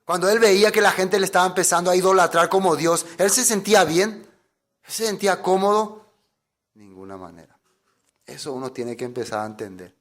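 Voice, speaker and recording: A man's voice: high voice, expressive, a little fast, a bit bright. A man preaching a sermon as a pastor, emphatic, asking his listeners rhetorical questions and acting out the voices he quotes.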